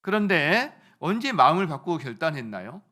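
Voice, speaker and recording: A middle-aged man preaching a sermon as pastor, swinging from loud rising phrases to soft storytelling. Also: on the high side, big pitch swings, normal speed.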